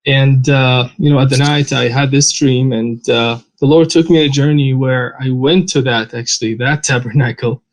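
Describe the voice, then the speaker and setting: A man from Saudi Arabia with a Saudi Arabian accent and Arabic as his first language, giving an earnest personal testimony in an interview, pausing often with "uh". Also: medium pitch, fairly even intonation, poor audio. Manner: earnest, halting, with many "uh" pauses.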